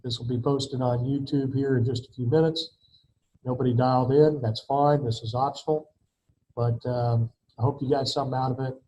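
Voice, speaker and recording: A man, an adjunct professor, giving a recorded online lecture and filling his pauses with "okay" and "uh". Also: mid-range voice, steady tone, mellow. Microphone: video call mic. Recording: dull lo-fi video call audio with faint noise.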